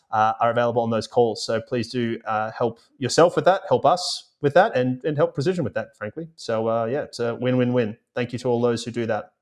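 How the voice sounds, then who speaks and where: A man co-hosts a podcast in easy, casual chat, telling a long story at a quick clip. He rambles and restarts with plenty of fillers, his pitch sitting in an average range. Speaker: podcast co-host and producer. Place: remote, recording away from home.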